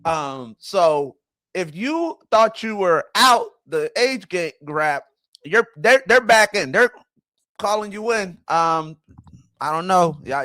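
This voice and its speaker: Fairly high-pitched and a bit bright, with no echo, this man in his 40s runs a laid-back livestream. He wanders from thought to thought, chats with and greets viewers, and keeps correcting himself.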